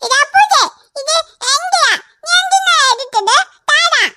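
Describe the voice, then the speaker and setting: A woman's voice: very high-pitched, expressive, unhurried, very noisy. A woman voicing a stubborn, possessive little schoolgirl in a cartoon, whining and crying as she pleads. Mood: whiny stubborn. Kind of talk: cartoon voice acting.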